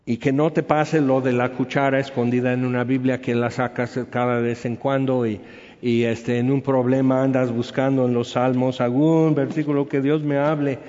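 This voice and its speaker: A man's voice: mid-range voice, level tone, moderate pace, darkish tone. A man teaching a Bible study class in a conversational way, often checking in with his listeners. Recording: echoey hall, dull sound.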